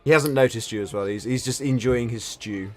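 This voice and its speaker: A man narrating a tabletop game as game master, improvising descriptions haltingly and repeating words as he goes. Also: mid-range voice.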